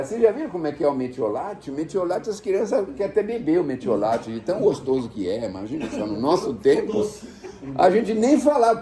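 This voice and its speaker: A man giving an informal spiritual lecture to a live audience, animated and folksy. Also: sits high. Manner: animated, folksy, uses diminutives and acted asides.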